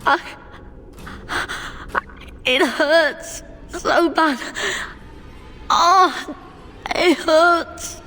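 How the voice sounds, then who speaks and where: A small boy in a fantasy game who is weak and frightened. The voice is high and very slow, breaking off between words. A long hall reverb trails after it. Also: bright, forceful tone, soft background music, exaggerated voice. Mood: pained. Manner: weak, pained, faltering.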